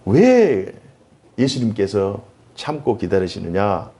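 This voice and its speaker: A male pastor preaching a sermon, animated and full of rhetorical questions. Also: lowish voice, slow pace, breathy edge.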